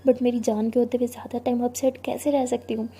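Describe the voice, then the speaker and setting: A woman voicing a bossy, flustered young female office boss who snaps back defensively in quick banter. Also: fairly high pitch, little pitch movement, dark tone, husky.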